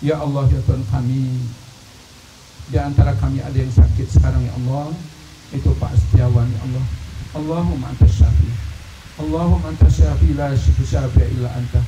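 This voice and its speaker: A man leading a gathering in a long, slow prayer, with many repeated appeals to God. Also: medium pitch, fairly even intonation. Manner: slow, repetitive supplication with frequent "ya Allah". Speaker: prayer leader. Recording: echoey, distant, dull and noisy hall recording.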